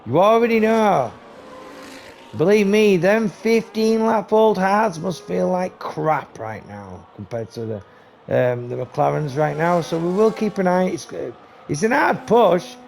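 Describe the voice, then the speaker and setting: A race commentator calls a sim race live straight to his viewers, his raspy, fairly high voice a little slow and going hoarse as he loses it. He leaps into sudden excited bursts when the racing gets close, while loud engine noise runs under him throughout the noisy stream.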